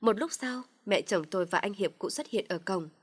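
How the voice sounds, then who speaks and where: A woman telling a family story in first person, in a measured, weary storytelling manner. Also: medium pitch, expressive, breathy edge.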